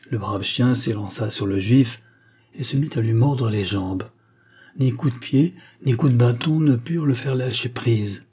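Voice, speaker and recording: A man reading a short story aloud as an audiobook narrator, in a measured and expressive way. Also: medium pitch, slightly rough. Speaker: audiobook reader.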